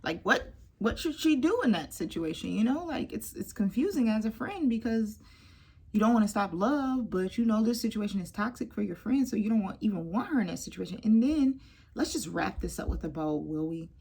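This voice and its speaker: Woman, casual TV review vlog, animated, whispered asides, mid-pitched voice. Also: brisk, gravelly, breathy edge. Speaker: YouTube TV reviewer.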